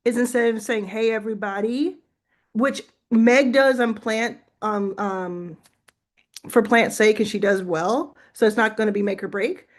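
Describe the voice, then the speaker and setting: On her casual livestream, a business-coaching host talks at a measured pace in a slightly high voice. She chats warmly, encourages her audience, and works through feedback out loud.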